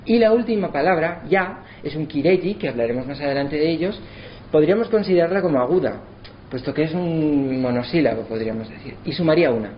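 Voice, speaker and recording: A man giving a lesson, slowing down to sound out words syllable by syllable. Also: a little high, expressive. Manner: spells out syllables slowly to demonstrate. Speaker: lecturer. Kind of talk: explanatory lesson. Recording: slightly dull, faint background noise.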